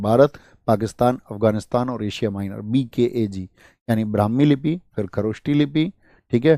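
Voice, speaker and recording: A male teacher from India giving a fast exam-prep history lecture, firing questions at students and answering them himself. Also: medium pitch, mellow, dry recording, clean studio sound.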